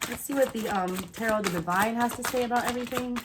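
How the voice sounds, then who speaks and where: A woman's voice: a little high, fast talker, noisy background. A woman with a Southern US accent giving a blunt, casual tarot reading, swearing freely and checking in with "all right?" while hiccuping. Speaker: tarot reader.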